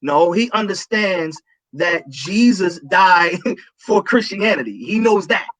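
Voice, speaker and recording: A man's voice: sits high, expressive, slow pace, fairly bright tone, no echo, rough recording. A man speaking as a pastor in a casual livestream talk, preachy and emphatic, repeating his key points.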